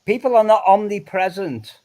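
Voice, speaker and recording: A man's voice: high voice, normal speed, a little mellow. A man in a casual group chat, giving advice and often stammering and repeating his words.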